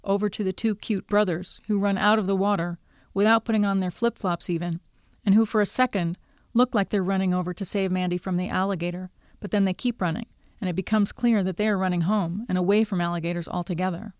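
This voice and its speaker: A woman's voice: medium pitch, fairly even intonation, fast, a little mellow, smooth, no echo. Author reading her story, wry run-on telling, clean dry sound.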